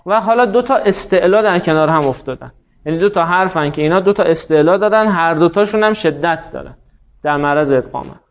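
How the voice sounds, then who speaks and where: A man with a high, light voice lectures a class, walking through each point and answering the questions he raises. The recording is dull and lo-fi, with muffled highs. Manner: explanatory, poses and answers his own questions. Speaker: teacher.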